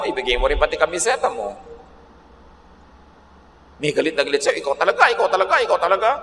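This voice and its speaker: Filipino pastor preaching in an echoey hall. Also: male voice, mid-range voice, fairly bright tone, slight background noise. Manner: preaching with sudden rises and drops, acting out quoted people. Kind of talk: sermon. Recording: echoey hall with long reverb.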